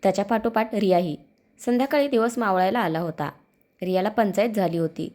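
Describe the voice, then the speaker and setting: A woman's voice: medium pitch, fairly quick, darkish tone. Woman telling a village story. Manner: reads all characters in her own voice, village dialect dialogue. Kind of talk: scripted story narration with dialogue.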